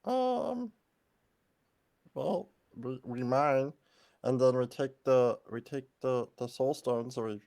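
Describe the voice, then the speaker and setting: A man's voice: mid-range voice, slow pace, creaky, a little mellow, voice pushed up. A man voicing a flustered hunched pig-snouted miner. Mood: rambling. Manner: rambling and flustered, many restarts. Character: small hunched pig-snouted grey-haired creature miner.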